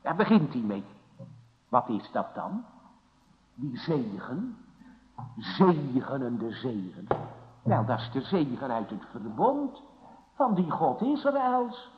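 A man preaching a sermon in a church, solemn and emphatic, asking his listeners rhetorical questions, his loudness rising and falling. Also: mid-range voice. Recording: lo-fi recording with long church reverb.

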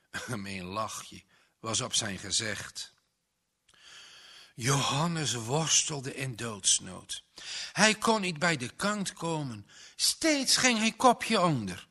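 A man reading a children's story aloud, slow and dramatic, with tense pauses. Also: mid-range voice, pushed and bright, breathy edge. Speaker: narrator. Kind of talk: storybook narration.

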